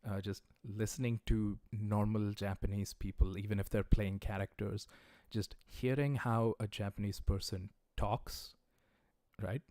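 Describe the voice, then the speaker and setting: Speaking straight to viewers in a laid-back livestream, this male language teacher keeps things chatty, often pausing on "uh" and "um," and encouragingly suggests resources for them. His voice is lowish, and the recording sounds close and dry with no room echo.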